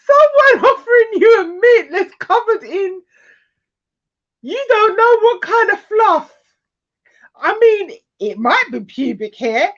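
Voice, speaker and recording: A high-voiced woman with a bouncy, swooping delivery gives a casual tarot reading with political commentary. She talks at an unhurried pace, rambling and giggling. The recording is dull and lo-fi. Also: very animated. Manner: chatty, rambling, often breaks into giggles. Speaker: tarot reader.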